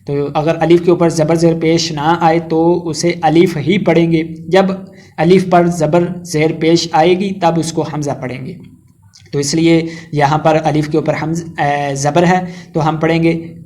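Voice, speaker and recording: A man with a Pakistani Urdu accent teaching Quran recitation step by step, spelling out letters and chanting verses slowly between quick explanations. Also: a little high, little pitch movement, a little mellow.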